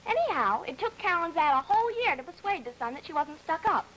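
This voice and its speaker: An actress playing a talkative, romantic-minded young daughter in a 1950s family drama, earnest and inquisitive. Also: female voice, very high-pitched, very animated, quick pace, fairly bright tone, slight background noise, full character voice, rough recording.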